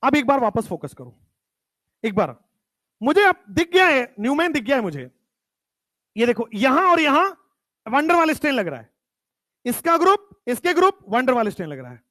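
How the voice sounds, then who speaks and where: A man teaching chemistry in a lecture, stressing key terms and repeating them, his voice dropping low whenever he states a definition. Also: sing-song, moderate pace, long pauses, bright, forceful tone, no room sound. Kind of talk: classroom lecture.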